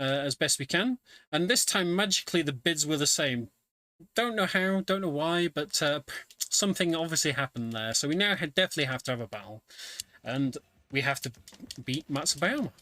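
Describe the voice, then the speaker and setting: A man speedruns a video game while casually commentating, explaining the story as he goes along. His voice sits on the high side, bright and forceful.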